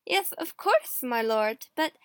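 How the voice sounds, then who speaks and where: Woman acting proud young queen, high pitch, unhurried, commanding, indignant, audiobook drama. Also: very animated, smooth, dry recording, clean studio sound. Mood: polite, guarded. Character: Mary, proud young queen, outspoken and defiant.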